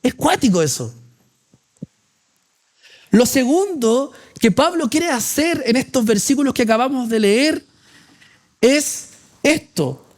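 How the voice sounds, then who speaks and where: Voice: high voice, lively intonation, slow pace, pauses often. A teacher giving a Bible class lecture, reading verses aloud and explaining them with rhetorical questions and frequent check-ins with the class.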